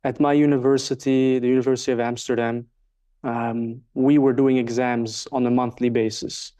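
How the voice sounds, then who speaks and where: Speaking at a moderate pace in a flat, dark, mid-range voice, this twentysomething market researcher from Switzerland answers a casual interviewer's questions. A native Swiss German speaker, he is thoughtful and leans on plenty of fillers.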